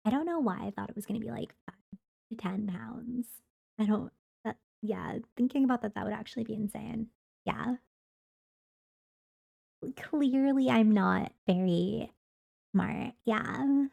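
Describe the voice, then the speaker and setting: A woman's voice: a little high, brisk, gravelly, mellow, breathy edge. A woman streamer chatting casually as she reacts to a video, thinking aloud in an informal, self-deprecating way. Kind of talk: casual live reaction chat.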